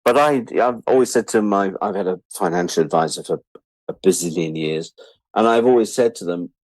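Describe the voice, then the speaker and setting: A British man around sixty, guesting on an interview as a freelance media producer, talks casually and reflectively in a low, brisk, darkish voice. He's candid and wry and repeats words for emphasis. The recording has no echo.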